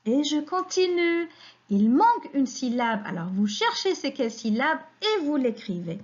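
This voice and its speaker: A woman's voice: sits high, sing-song, unhurried, lo-fi sound. A woman teacher giving a patient phonics lesson to young children, asking questions and praising answers.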